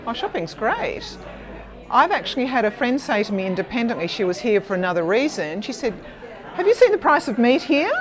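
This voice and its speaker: A woman telling chatty, lively stories in a street interview. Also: on the high side, a little fast, crowd noise, poor audio. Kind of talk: vox pop interview.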